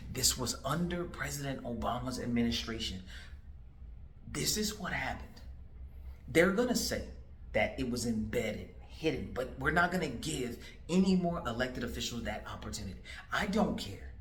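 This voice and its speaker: This direct-to-camera political commentary comes from a fortysomething male candidate whose mid-range voice has a fairly bright tone. He hammers his points through repetition and rhetorical questions, and the room echoes noticeably.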